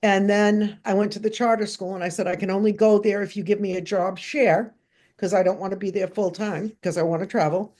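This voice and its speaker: A woman's voice: medium pitch, brisk. An older woman from New Hampshire tells stories as a guest in an interview. Her voice sits in a middle register. She acts out the voices of the people in her stories. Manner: lively anecdotal storytelling, acting out quoted voices. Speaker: guest, education consultant. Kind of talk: storytelling in a podcast interview.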